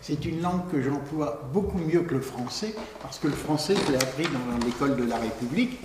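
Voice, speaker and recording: A lecturer from Picardy, France, whose first language is Picard, gives a public lecture in a large, echoey hall with long reverb. His mid-range voice moves briskly, and he is conversational and digressive, often adding "hein." Background noise is audible.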